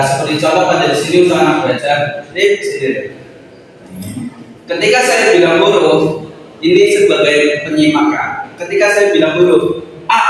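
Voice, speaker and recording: A young man gives a classroom presentation, rambling loosely through his points and examples. His voice sits somewhat high for a man. It reaches the mic from far off in a strongly echoing classroom, with steady noise behind him. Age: young adult. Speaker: student presenter. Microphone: far camera.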